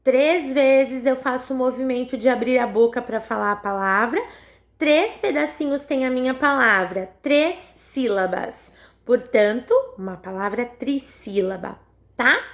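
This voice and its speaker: Brazilian lady teacher doing a slow video lesson for little kids, high sing-song voice, stretches words out syllable by syllable. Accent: Brazilian Portuguese. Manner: patient, sounds out words slowly syllable by syllable, frequent "tá?" and "né?" checks. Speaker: primary school teacher. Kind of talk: recorded lesson for young children.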